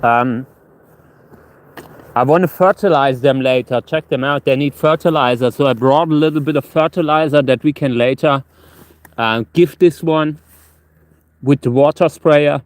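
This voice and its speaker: Numb-tongued man, halting livestream chat. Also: a little high, no echo. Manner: halting, repeats and restarts words. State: tongue numb and cramping from hot chili, struggling to talk. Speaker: livestream host. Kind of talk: casual rambling gardening livestream.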